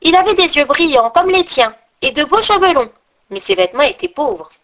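A woman's voice: high-pitched, very animated, moderate pace, a bit bright, pitched above the performer's own voice. A woman putting on a chatty know-it-all crow. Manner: chatty, explaining at length. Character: talkative old crow, female, know-it-all. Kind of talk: storybook reading.

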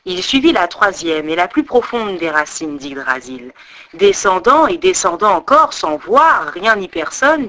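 A woman storyteller narrating a myth in an expressive, dramatic reading. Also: mid-range voice.

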